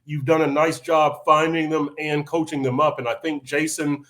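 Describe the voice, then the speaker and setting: Male sports podcast host, slightly high voice, halting casual delivery. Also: little pitch movement, a bit bright. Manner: halting, many restarts and fillers.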